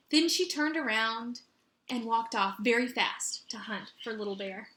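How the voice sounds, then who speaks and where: A woman teacher reading a children's story aloud in an expressive, animated way with dramatic emphasis. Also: a little high. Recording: roomy echo.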